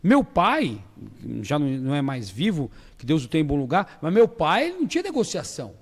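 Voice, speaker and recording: A man with a Brazilian Portuguese accent hosting a podcast, telling stories in a lively, emphatic way. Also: a little high, a little fast, husky, big-room sound. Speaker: podcast host. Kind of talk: casual podcast chat.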